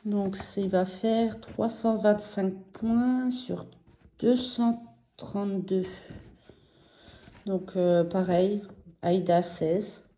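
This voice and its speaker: French woman vlogger, unhurried, very dark mellow tone, roomy echo. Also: mid-range voice, steady tone, a little hiss or hum. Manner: slow, gentle and enthusiastic, with many fillers. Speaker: embroidery vlogger. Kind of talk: casual show-and-tell vlog.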